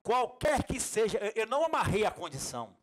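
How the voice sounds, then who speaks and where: A man with a Bahian Brazilian accent teaching a computer class in a classroom, lively and jokey, talking straight to his students. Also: high-pitched, fairly quick. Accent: Bahian Brazilian Portuguese. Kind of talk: classroom lecture.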